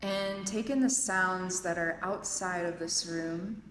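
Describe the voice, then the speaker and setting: In a live recording from an echoey urban yoga studio, with faint room and city noise around her, a woman gives spoken yoga nidra instructions. Her lowish voice stays calm, very unhurried and measured, leaving long pauses between phrases.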